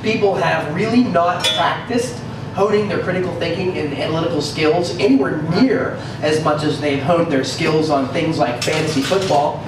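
A man answering a question at a film screening, quick and earnest. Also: on the high side, background noise. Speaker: film panelist. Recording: echoey room from far off, dish clatter.

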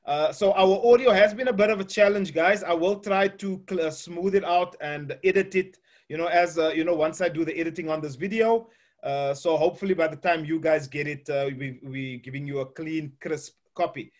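Hosting an interview over a video call from his home office, a man chats away, full of "uh, you know." His voice is fairly high and fairly quick, picked up by a webcam mic.

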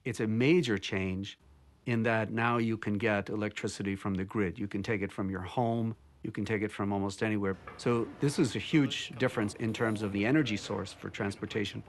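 A man's voice: on the low side, fairly even intonation, fairly quick. A middle-aged man, a researcher, giving plain, matter-of-fact interview answers in an office. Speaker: laboratory researcher. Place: office, indoors.

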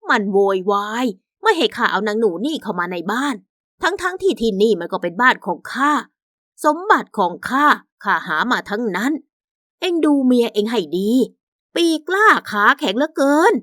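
A woman voicing a sharp-tongued, arrogant older mother-in-law in a radio story, with a coarse, scolding manner. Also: a little high, big pitch swings, normal speed, dry recording, clean studio sound.

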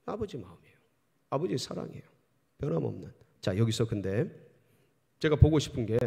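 A middle-aged male pastor preaching a sermon in a church, telling the story with animated delivery. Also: fairly high pitch, vocal fry, slightly rough. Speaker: senior pastor. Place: church sanctuary. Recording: long church hall reverb.

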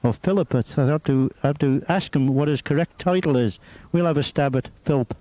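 A man with a high-pitched voice is commentating live on the radio. He follows a motorcycle race as it unfolds. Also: fairly quick, dark tone, rough recording.

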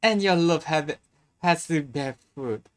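A reaction host reading out an anime fortune teller woman, mysterious and theatrical, with slow drawn-out pronouncements. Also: medium pitch, animated, close to an everyday voice. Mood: knowing.

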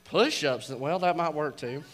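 Young guy doing a kids sermon, slangy and goofy with sound effects, kinda high bright voice. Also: unhurried. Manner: casual slang-filled preaching with playful sound effects. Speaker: kids' ministry preacher. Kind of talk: youth sermon.

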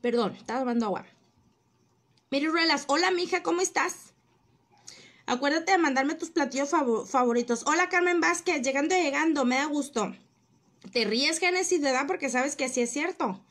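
High-voiced chatty Mexican woman livestreaming. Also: normal speed, a bit bright. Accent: Mexican Spanish. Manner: chatty, teasing, indignant, addresses viewers as "chicas". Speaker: livestream host. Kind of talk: casual gossip livestream, reading viewer comments. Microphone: phone.

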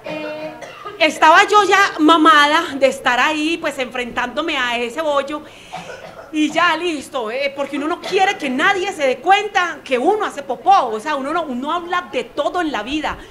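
Animated Colombian woman doing stand-up. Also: high voice, normal speed, faint music behind. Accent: Colombian Spanish. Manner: animated, acts out quoted voices, laughs while telling. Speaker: stand-up comedian. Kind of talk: stand-up storytelling.

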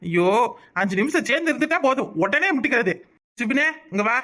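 A woman's voice: on the high side, lively intonation, brisk, fairly bright tone. A woman voicing a kindly old grandfather in a cartoon, fussing and making peace between squabbling boys. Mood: chiding. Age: older. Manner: fussing, peacemaking, rural Tamil speech. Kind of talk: cartoon voice acting.

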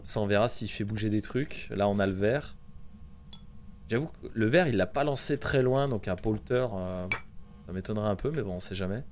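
A man in his thirties doing casual live horror-game commentary as a streamer, excitable and jumpy, swearing freely. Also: normal speed, a little hiss or hum. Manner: excitable, jumpy, swearing, bursting into high shouts. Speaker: video game livestreamer. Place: indoors at a home streaming setup.

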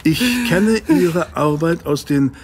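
An actor playing a good-natured, flustered gentleman doctor, earnest and loyal, in a German audio drama. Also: fairly high pitch, slow pace, a little hiss or hum. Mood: reading aloud. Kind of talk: German radio-play acting.

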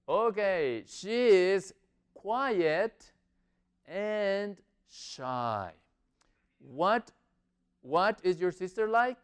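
A man runs an online English lesson for Spanish speakers, his voice smooth and clear with a fairly high, lively pitch that swings up and down. He drills each new word, stretching the English phrases out slowly so learners can repeat them. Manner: slow, drawn-out English model sentences between quick Spanish explanations. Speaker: English teacher.

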